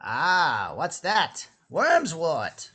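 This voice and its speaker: An actor playing a suspicious, self-pitying old evil scientist in a script read-through, imperious and guilt-tripping. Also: male voice, on the high side, wildly swooping pitch, extremely slow, bright, forceful tone, full character voice. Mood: impatient, suspicious. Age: older.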